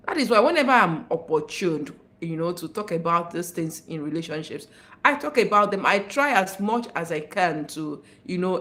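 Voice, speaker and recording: A woman giving relationship advice as a life coach on a livestream, talking in an animated, emphatic way and repeating her key points. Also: medium pitch. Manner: animated, dramatizing, emphatic repetition.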